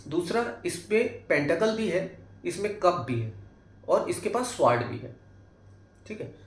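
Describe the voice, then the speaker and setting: A man's voice: high-pitched, very animated, measured pace. Echoey Hindi-accented man teaching tarot. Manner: explanatory, many tag questions and fillers. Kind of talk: explaining cards one by one. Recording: echoey room.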